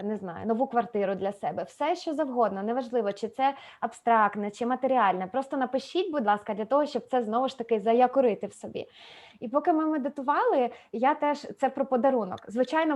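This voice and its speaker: A woman in her thirties, her voice sitting a little high, speaks over a video call as the host of a meditation event. She talks in an unhurried, hesitant way, leaning on fillers and restarting her sentences. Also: darkish tone. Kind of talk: personal story and invitation on a video call.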